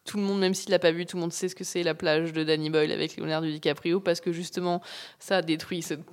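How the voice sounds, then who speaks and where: A fast-talking woman in a casual group film discussion. Her manner is blunt and colloquial, moving quickly from point to point. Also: lowish voice, steady tone, clean tone.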